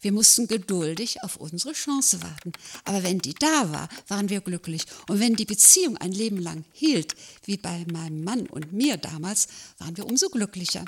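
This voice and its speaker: A woman of eighty hosting a podcast, reading prepared remarks in a measured, wistful way and then asking curious questions. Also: mid-range voice, animated, breathy edge. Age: 80s. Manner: measured, wistful reading about the old days. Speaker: podcast host.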